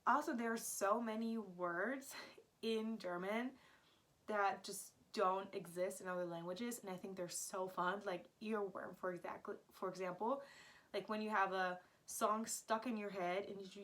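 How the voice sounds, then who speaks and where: Bright, giggly young American woman. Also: mid-range voice. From Florida, United States. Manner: giggly, laughs often, chatty with many "like" fillers. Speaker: language vlogger. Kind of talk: casual talk to camera.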